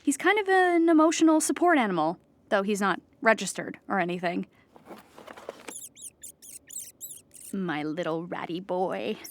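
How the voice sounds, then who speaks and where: In a theatrical audio drama monologue, an actress plays an anxious, earnest, depressed clown, explaining with dramatic emphasis in an earnest, fond mood. Her medium-pitched voice is animated and close to everyday speech, at a moderate pace with slight background noise.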